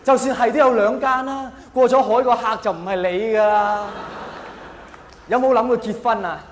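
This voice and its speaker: A stand-up comedian with a Hong Kong Cantonese accent performs live in a very high-pitched voice, keeping fairly even intonation at a moderate pace. He is theatrical, acting out quoted characters and firing rhetorical questions at the audience, in an echoey hall with long reverb and faint noise.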